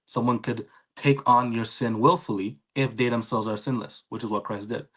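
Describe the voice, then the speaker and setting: A man's voice: medium pitch, fairly even intonation, fairly bright tone. Man on a call that keeps cutting out. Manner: halting, repeats himself, stumbles over words. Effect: call audio cutting in and out. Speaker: debate caller. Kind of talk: heated live call-in debate. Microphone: online call connection.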